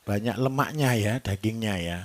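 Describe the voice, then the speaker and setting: A man's voice: fairly low pitch, moderate pace. A man with a Javanese accent giving a live workshop lecture to farmers, joking and quizzing his audience as he goes. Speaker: livestock trainer.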